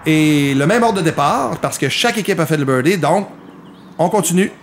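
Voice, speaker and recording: A man's voice: on the high side, expressive, moderate pace, a little hiss or hum. A man with a Quebec French accent giving live golf commentary on a mini-golf match, explaining the play to viewers.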